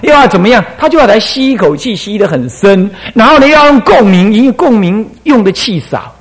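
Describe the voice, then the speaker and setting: Older man, lively husky dharma lecture. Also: high voice, fairly quick. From Taiwan. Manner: demonstrates singing and chanting, animated and playful. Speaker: abbot teaching monastics.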